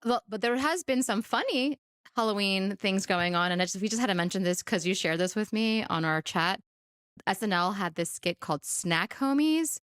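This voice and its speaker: A woman co-hosting a podcast, telling stories in an animated way and laughing often. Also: medium pitch, moderate pace, smooth, no echo, studio quality. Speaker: podcast co-host. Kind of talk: casual chat.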